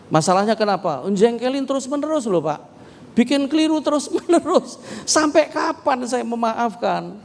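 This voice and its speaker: A middle-aged man preaching a sermon, telling stories with humor and swinging from quiet talk to loud, emphatic preaching. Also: extremely high pitch, animated, moderate pace, vocal fry. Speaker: pastor. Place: church hall. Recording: reverberant hall with faint ambience.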